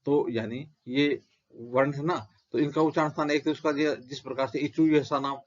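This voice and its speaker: A male teacher gives a lesson at an ordinary pitch. He recites lists of letters one by one and poses questions that he answers himself. The recording sounds dull and lo-fi. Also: steady tone, moderate pace. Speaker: Sanskrit grammar teacher. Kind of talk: classroom-style lecture.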